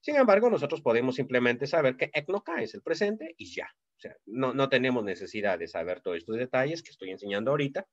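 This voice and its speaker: A man teaching a Greek grammar class, explaining slowly with many fillers and checks for understanding. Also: mid-range voice, sing-song, no room sound, dull audio. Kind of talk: recorded class lecture.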